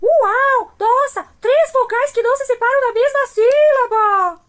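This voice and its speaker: Amazed squealing character for a kids' lesson, extremely high voice. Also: female voice, a little slow.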